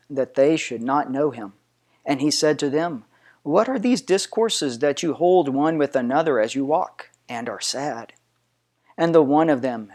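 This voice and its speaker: A man with a slightly high voice reads scripture aloud in old-fashioned wording. His delivery is solemn and measured. He declaims the phrases with deliberate emphasis. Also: darkish tone. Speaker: reader of scripture. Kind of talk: solemn scripture reading, archaic English.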